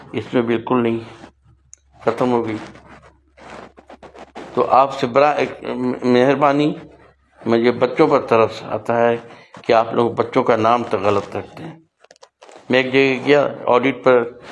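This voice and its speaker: A man's voice: medium pitch, a little hiss or hum. An older man and poet, speaking in an earnest, lecturing way and giving examples. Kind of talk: casual spoken talk on language.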